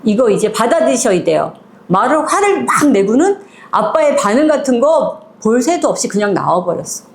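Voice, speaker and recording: A woman's voice: fairly high pitch, a little hiss or hum. A woman retelling a short story in a conversational, chatty way, moving between polite and casual speech and acting out the quoted lines. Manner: acts out quoted lines in small voices.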